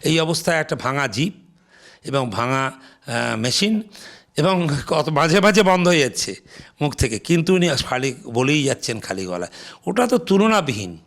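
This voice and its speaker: An older man from West Bengal, India, a guest in an interview, telling lively anecdotes and acting out the people he quotes. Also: fairly high pitch, moderate pace, pauses often. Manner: lively raconteur, acts out quoted people in Hindi.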